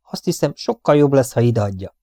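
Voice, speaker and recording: A man voicing a stern, irritable captain who demands answers gruffly in an audiobook. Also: medium pitch, animated, mellow, dry recording, studio quality, close to an everyday voice.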